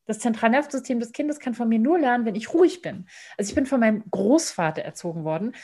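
Lively woman explaining parenting. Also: fairly high pitch, quick pace. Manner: lively, acts out scenes and sounds. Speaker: parenting expert guest. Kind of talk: conversational interview.

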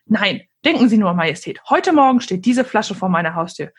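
A woman's voice: medium pitch, animated, brisk, husky. A woman doing an agitated museum director.

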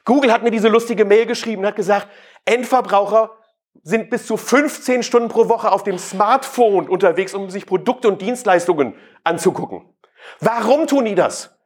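A man's voice: high-pitched, normal speed. A man giving a live sales talk, questioning the audience and provoking them. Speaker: sales speaker.

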